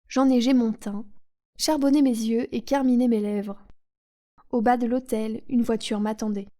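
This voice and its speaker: A woman reading a novel aloud in a calm, soothing audiobook narration. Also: fairly high pitch. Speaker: audiobook reader.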